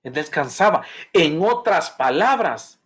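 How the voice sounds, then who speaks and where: Man, pastor, sermon, swooping animated pitch, acts out voices. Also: takes it slowly, breathy edge. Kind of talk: Bible study sermon.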